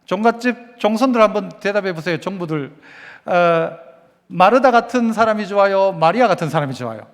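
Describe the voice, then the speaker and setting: Male pastor, high and very animated delivery, call-and-response preaching, long reverb of a church hall. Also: fairly quick. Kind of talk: sermon.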